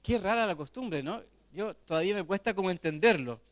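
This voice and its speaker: Middle-aged man, pastor, high voice, earnest conversational sermon. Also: animated, a little fast. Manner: earnest, conversational preaching with rhetorical questions.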